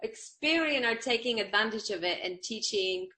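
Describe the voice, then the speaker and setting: Fairly high and sharp in tone, this animated woman talks at a moderate pace with a Bulgarian accent. She's an online community manager from Bulgaria, bubbly in a casual interview and laughing often between fillers.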